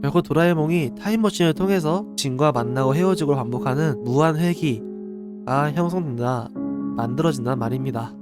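A man's voice: a little high, a little fast. A man hosting a radio-style show, telling urban legends conversationally and explaining them with questions to his listeners. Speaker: radio-style horror story channel host. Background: music behind the voice.

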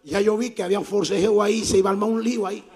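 A man from South America preaches in a church with a strikingly high voice. His storytelling is animated, and his voice rises into shouts for emphasis. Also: rapid-fire, husky. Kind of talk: sermon storytelling.

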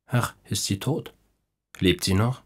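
A man voicing a tormented, despairing young man in an audiobook, speaking slowly, haltingly and with anguish. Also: on the low side, slightly rough. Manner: slow, halting, anguished delivery.

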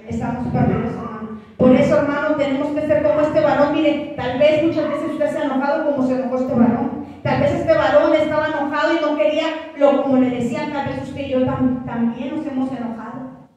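A woman's voice: high-pitched, fairly even intonation, brisk, darkish tone, lo-fi sound. A woman pastor preaching a fervent sermon to her congregation, often calling out to them directly. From Mexico. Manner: fervent, keeps calling listeners "hermano". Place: church hall. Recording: echoey church hall, far from mic.

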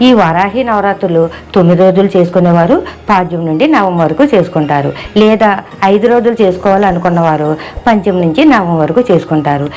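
A devotional presenter calmly explaining ritual rules and items in a steady, itemized way. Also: mid-range voice, a little fast. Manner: calm, steady itemized listing. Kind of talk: instructional narration of a ritual. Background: faint background music.

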